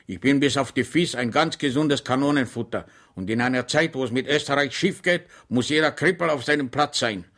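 A man's voice: medium pitch, fairly quick, hardly any pauses, a bit bright, close to an everyday voice. A man voicing a good-natured, bumbling middle-aged soldier, bedridden with rheumatism, who talks with solemn cheer and bellows war songs. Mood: earnest.

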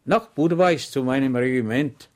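A man voicing a good-natured, stubborn simple soldier who speaks in a calm, earnest, dignified way. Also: medium pitch, moderate pace, voice pushed up, lightly acted.

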